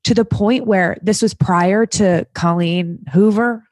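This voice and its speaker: A young adult woman co-hosting a podcast, chatting excitedly and full of likes. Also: medium pitch, takes it slowly, dry recording, studio quality. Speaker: podcast co-host. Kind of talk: casual chat.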